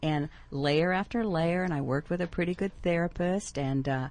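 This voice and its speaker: Low-voiced chatty woman radio host. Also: moderate pace. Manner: chatty, animated, laughs easily. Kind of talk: casual radio chat. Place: radio studio.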